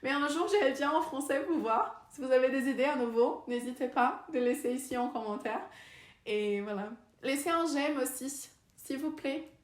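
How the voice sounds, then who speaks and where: Young woman vlogger, chatty and unsure, slightly high voice, roomy echo. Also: normal speed. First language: Portuguese. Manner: chatty and unsure, with fillers and a laughing aside. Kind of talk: casual chat to camera. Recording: echoey room.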